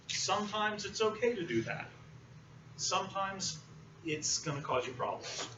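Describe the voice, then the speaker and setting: A male university lecturer teaching a class in a relaxed, explanatory way, often pausing with fillers. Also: medium pitch. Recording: roomy, muffled, distant classroom recording with noise.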